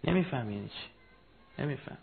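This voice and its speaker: A man giving a mourning sermon, telling a personal story, moving from low murmured storytelling to loud impassioned rising cries. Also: lively intonation, vocal fry, soft background music. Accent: Persian of Iran. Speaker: religious speaker. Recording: tinny phone-like recording with faint noise.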